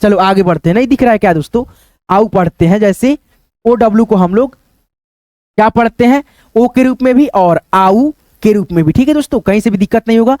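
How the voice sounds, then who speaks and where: High-voiced man teaching English spelling. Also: a little mellow, no room sound. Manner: repetitive, keeps saying "okay friends" and "look here"; spells words letter by letter, then says them slowly. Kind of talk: spelling out words in a Hindi English lesson.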